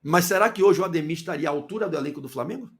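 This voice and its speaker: Speaking very fast, a man from Salvador, Bahia, Brazil delivers an opinionated football commentary monologue in a Bahian Portuguese accent. He fires off rhetorical questions and swings between loud and low.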